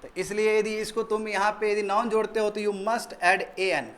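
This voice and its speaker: A man's voice: high voice, level tone, moderate pace, a bit bright. A man with an Indian English accent teaching a grammar lesson in a classroom, quizzing students and repeating their answers.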